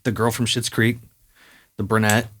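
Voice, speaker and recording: A man's voice: on the low side, monotone, moderate pace, fairly bright tone, breathy edge. A young man, a musician, guesting on a podcast and telling rambling stories in casual chat, full of fillers and restarts.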